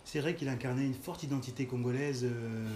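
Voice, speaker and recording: A man's voice: medium pitch, fairly even intonation, a little fast, warm tone, slight background noise. Man hosting in an echoey room. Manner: frequent fillers and agreeing murmurs. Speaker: podcast host. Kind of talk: casual interview. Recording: echoey room with faint music.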